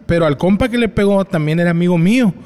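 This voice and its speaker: A man's voice: high voice, fast talker. A man from Culiacán, telling stories in a casual chat full of slang. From Mexico, Culiacán. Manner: animated storyteller, heavy slang.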